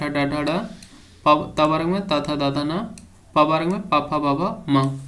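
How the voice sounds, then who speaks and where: A man's voice: a little high, fairly bright tone. A male teacher giving an exam prep lesson, reading each question aloud and then giving the answer with a brief explanation.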